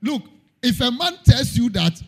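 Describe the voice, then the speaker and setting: A man's voice: very high voice, sing-song, unhurried, fairly bright tone, slightly rough. A man preaching a sermon in church, emphatic, repeating key lines and singing out phrases. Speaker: pastor.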